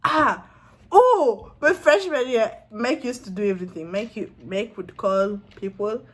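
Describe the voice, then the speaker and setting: A woman's voice: on the high side, animated, measured pace. A young woman from Kenya with a Kenyan accent, chatting casually as a vlogger, playful and laughing often, dropping in Swahili. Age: young adult. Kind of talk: casual chat.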